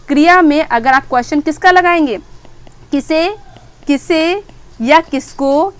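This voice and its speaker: A woman teaching an exam-prep grammar lesson, asking questions and answering them herself and repeating key words. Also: high-pitched.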